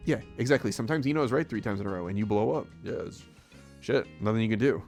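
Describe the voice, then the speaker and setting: A man's voice: lowish voice, fast, darkish tone, faint music behind. A man casually commentating a live fighting-game tournament, rambling and chuckling often.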